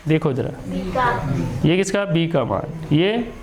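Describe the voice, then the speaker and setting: A maths teacher with an Indian accent and a high voice. He keeps asking the class questions and answers them himself. He repeats each step and switches between Hindi and English terms. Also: animated, measured pace, a little mellow, a little hiss or hum. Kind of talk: classroom lesson.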